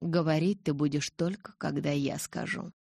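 A menacing male kidnapper, read by a woman in an audiobook, calm and mocking as he gives his orders. The voice sits low and slightly husky. The recording is close and dry. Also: moderate pace, no room sound. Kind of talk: audiobook character voice.

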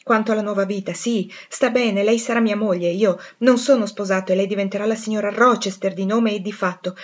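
Rochester-like: a proud, passionate gentleman, as a woman reads him in an audiobook, intense and pleading. Her mid-pitched voice keeps its own sound. The recording is dull and lo-fi. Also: fairly even intonation, fairly quick, close to an everyday voice. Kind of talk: audiobook reading.

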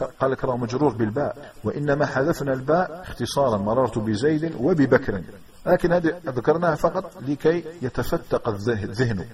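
A man teaching a grammar lesson, explaining step by step and repeating definitions slowly for his students. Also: mid-range voice, distant mic, low-quality recording.

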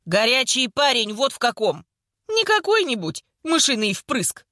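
A woman voicing a sharp-tongued older woman in a hospital bed, hoarse and sarcastic, teasing without mercy. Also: on the high side, very animated, measured pace, dry recording, clean studio sound, full character voice. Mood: mocking.

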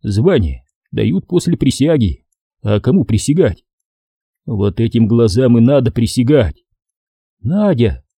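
A man narrating a war novel as an audiobook in an expressive storytelling manner. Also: medium pitch, unhurried, breathy edge, no room sound, clean studio sound.

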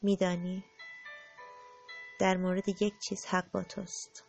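A woman voicing a gentle, loving spirit in an audiobook, speaking calmly and tenderly. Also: medium pitch, gravelly, faint music behind, natural voice. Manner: calm, tender, unhurried, softening to a hush. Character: gentle, loving spirit who agrees to play the wrongdoer.

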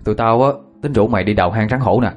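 A man's voice: fairly low pitch, fast talker, highs cut off, soft background music, lightly acted. A man voicing a teasing, rowdy young village man.

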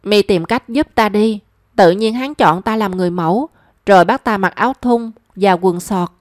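A woman's voice: medium pitch, normal speed, no echo, studio quality, natural voice. A woman voicing a shy, flustered young woman in a story.

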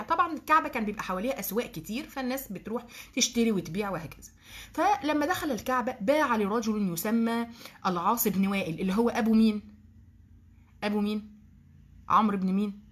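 A woman with an Egyptian accent teaches a religious class to girls, talking quickly. Her voice is husky. She keeps asking the class questions and explaining words. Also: a little high. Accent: Egyptian Arabic. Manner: lively, asks the class questions, explains terms. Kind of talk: Islamic lesson for girls, Egyptian colloquial.

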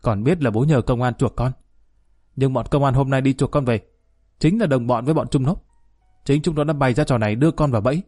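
A defiant young son from a storybook reading, sulky and scornful as he argues , read by a man. His voice is mellow and dry. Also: medium pitch, fairly quick, no room sound, faint music behind, close to an everyday voice. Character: defiant 21-year-old son.

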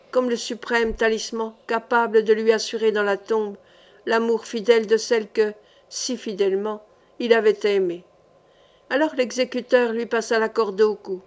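Woman narrating a historical novel. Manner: calm, measured narration, lowering her voice for characters. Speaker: audiobook reader. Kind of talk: reading a historical novel aloud.

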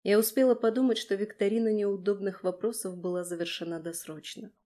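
A woman narrating a first-person audiobook with lively, ironic delivery. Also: medium pitch, a little fast. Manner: lively, ironic, voices dialogue.

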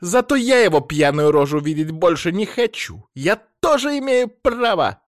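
A man voicing an agitated woman phoning the police, talking fast and pleading, then furious. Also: high-pitched, big pitch swings, no room sound, clean studio sound, voice pushed up. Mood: furious, shrill. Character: agitated middle-aged woman caller, shrill and indignant.

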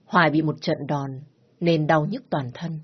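A woman narrating a story in a grave, steady manner. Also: deep voice, unhurried, breathy edge. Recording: dull lo-fi recording.

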